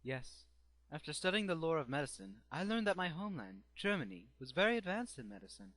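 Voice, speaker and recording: A man's voice: fairly high pitch, sing-song, brisk, a bit bright, no echo. A man playing a grieving, obsessed doctor turned necromancer in a theatrical, brooding anime fandub monologue. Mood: solemn, intense.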